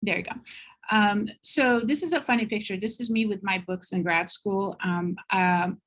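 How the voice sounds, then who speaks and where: This university talk features a middle-aged Turkish woman presenting slides slowly and thoughtfully, with plenty of ums. Her mid-range voice has a steady tone and a slightly bright quality.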